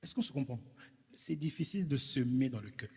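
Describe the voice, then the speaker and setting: A man's voice: mid-range voice, expressive, brisk, husky. A man with a Congolese accent, a preacher delivering an emphatic sermon with rhetorical questions to his congregation in a church hall. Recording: reverberant hall.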